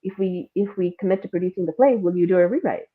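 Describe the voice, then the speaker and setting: Over a narrow, phone-like call line, a woman with a lowish voice talks fast as an interview guest. Her talk is casual, candid and reflective, as if she's thinking aloud.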